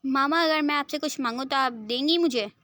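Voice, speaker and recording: A woman's voice: sits high, brisk, fairly bright tone, dry recording. Daniyal, sulky stubborn young man, voiced by a woman. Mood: pleading, stubborn. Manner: sulky, petulant demands. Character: stubborn, hot-tempered young man, teasing his fiancée.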